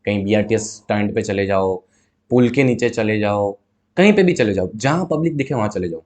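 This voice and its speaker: Animated man telling a story. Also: on the low side, a little fast. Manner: animated, acts out customer dialogue, mixes English words. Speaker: guest, burger seller. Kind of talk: casual interview storytelling.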